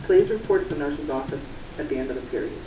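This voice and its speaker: A formal school intercom announcement. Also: mid-range voice. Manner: reads a list of names slowly, formal and polite. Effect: school intercom loudspeaker. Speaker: school office staff announcer. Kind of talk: formal public address announcement. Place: classroom, voice heard through a wall speaker. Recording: echoey, distant loudspeaker with room noise.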